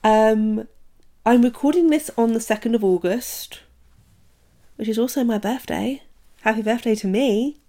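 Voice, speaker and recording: A woman's voice: a little high, a little slow, pauses often, mellow. A young woman from the United Kingdom hosting a casual solo podcast, chatty and full of "um" and "like". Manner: chatty, many fillers like "um" and "like". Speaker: podcast host.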